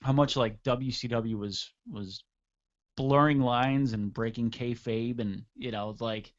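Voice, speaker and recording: Rambling, animated male radio co-host. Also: medium pitch, slow pace, highs cut off. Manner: animated, rambling, laughs often. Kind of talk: casual wrestling talk.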